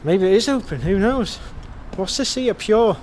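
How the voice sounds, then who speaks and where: A man's voice: high voice, lively intonation, moderate pace, a little mellow, a little hiss or hum. An English man vlogging as he walks a town's streets and pubs, giving a blunt, sweary, wry running commentary. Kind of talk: casual walking vlog. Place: outdoors on town streets at night, then inside a pub.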